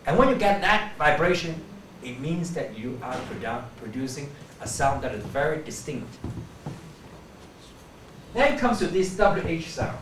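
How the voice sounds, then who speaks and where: Male speech teacher, higher-pitched voice, drills words aloud, recorded off-mic in a roomy space. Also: big pitch swings, fairly bright tone. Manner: demonstrates sounds slowly, repeating words. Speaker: pronunciation teacher. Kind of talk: pronunciation lesson with demonstrations. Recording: echoey room, voice from a distance, faint background hum.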